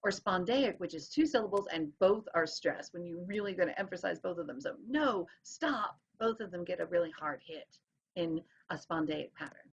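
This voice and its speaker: A woman's voice: on the low side, brisk, breathy edge. A woman teacher explaining things in a recorded lesson, sounding out rhythms as she goes. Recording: dull lo-fi recording.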